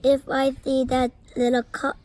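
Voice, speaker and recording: A woman's voice: sits high, monotone, measured pace, darkish tone, rough recording. A woman voicing a hotheaded male villain cat from a comic book, ranting a string of silly insults. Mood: angry ranting.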